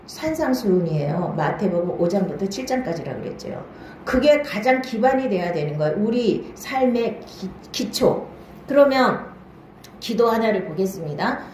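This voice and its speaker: A woman's voice: medium pitch, lively intonation, normal speed, darkish tone, slight background noise. Woman preaching in a very echoey hall. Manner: keeps asking the listeners questions and checking they follow; marks each new point with a short "now then". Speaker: pastor. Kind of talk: Bible-study sermon. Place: church hall.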